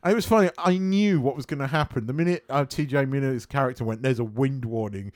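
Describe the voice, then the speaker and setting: A man co-hosting a casual film chat, animated and swearing freely, laughing often. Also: fairly high pitch, fast talker. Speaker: podcast co-host.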